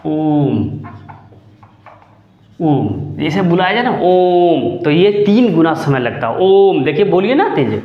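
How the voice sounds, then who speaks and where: A man teaching a grammar lesson to a class, stretching out sounds with emphatic repetition and often checking whether students follow. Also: high-pitched. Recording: echoey, dull room sound with faint noise.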